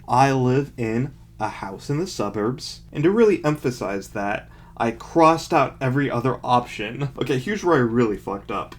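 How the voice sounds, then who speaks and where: A young man speaks casually at an average pitch, as a vlogger would. He reads short bits aloud and picks them apart with mocking, self-deprecating commentary. His asides are dry and sarcastic. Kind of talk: casual commentary, reading aloud from a childhood book.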